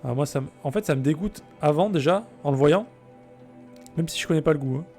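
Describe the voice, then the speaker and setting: A man streaming a video game, chatting casually and joking with his viewers. His voice sits a little high and has a gravelly edge. Faint music plays underneath. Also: brisk, a little mellow. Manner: chatty, jokey, answers chat messages. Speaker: let's play streamer. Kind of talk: casual gameplay chat with viewers.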